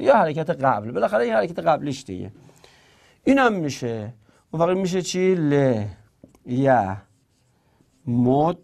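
A man's voice: a little high, creaky. A man teaching Arabic grammar in Persian, spelling words out syllable by syllable and adding playful asides. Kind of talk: classroom lesson.

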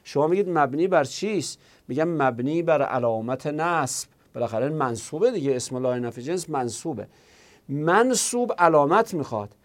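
A man with a somewhat high voice teaching a grammar lesson. He asks questions and answers them himself, and he goes over the examples slowly and more than once. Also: animated.

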